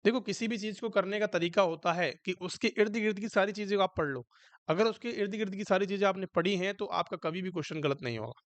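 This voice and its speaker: A man with a fairly high voice teaches an exam-prep lesson for nurses. He coaxes his students, checking again and again that they follow, and he slows down to read questions out in English. The recording is close and dry, with no room sound. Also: dry recording. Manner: coaxing, repeatedly checks if students understood; mixes Hindi with English medical terms, reads questions slowly. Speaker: nursing exam tutor. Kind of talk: online exam-prep lecture.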